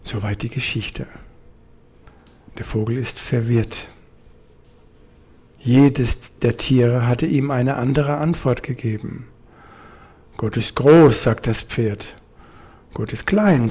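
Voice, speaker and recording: A preacher reading a short radio devotion and telling a story, in a gentle, measured way. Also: male voice, medium pitch, breathy edge. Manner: gentle, measured, addresses listeners.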